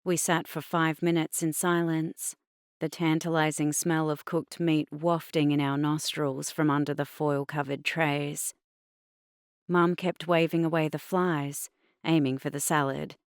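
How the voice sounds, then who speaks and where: A woman with an Australian accent reading a novel aloud in steady, even scripted narration. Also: deep voice, unhurried, clean tone, dry recording, clean studio sound. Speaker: audiobook narrator.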